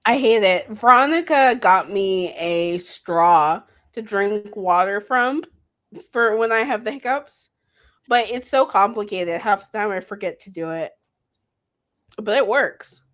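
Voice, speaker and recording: A woman's voice: mid-range voice, expressive, unhurried, a bit bright. A woman co-hosting a podcast, chatting casually with wry, offhand banter. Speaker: podcast co-host. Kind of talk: casual chat.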